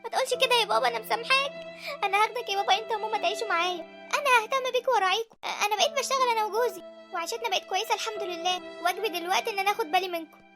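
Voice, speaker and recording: A woman voicing a young married daughter with an Egyptian accent, emotional and pleading, in an animated drama. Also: very high-pitched, rapid-fire, loud music behind the voice. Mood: tender.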